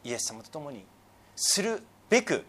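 A man preaching a sermon in a church as pastor, stretching key words slowly for emphasis and dropping to a hushed voice, then praying in a quiet tone. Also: very animated. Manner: lowered, quiet tone when praying. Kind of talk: sermon with congregational prayer.

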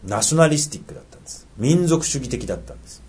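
A middle-aged male pastor with a Tohoku accent delivers a sermon in an earnest, questioning way. His voice is husky, and his pitch rises and falls in lively swings. He often drops into soft, quiet asides. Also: racing. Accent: Tohoku dialect.

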